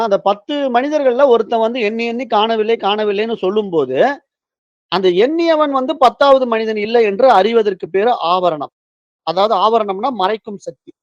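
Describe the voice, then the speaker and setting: A man's voice: sits high, no echo, highs cut off. A man teaching a recorded philosophy lesson as a spiritual teacher, explaining points through a story with acted quotes.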